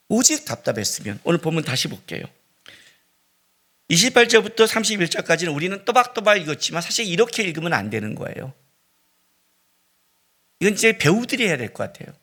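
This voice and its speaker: Man, pastor, sermon, gravelly, bright tone, very lively pitch, loud rises and hushed drops. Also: fairly quick, pauses often.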